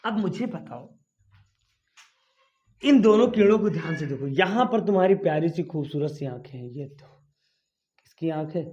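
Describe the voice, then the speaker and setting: High-pitched guy teaching physics, keeps quizzing the kids, kinda dull lo-fi sound. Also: lively intonation, normal speed, long pauses, darkish tone. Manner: coaxing, asks students questions and answers them himself. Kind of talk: classroom lecture at a board. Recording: dull lo-fi recording.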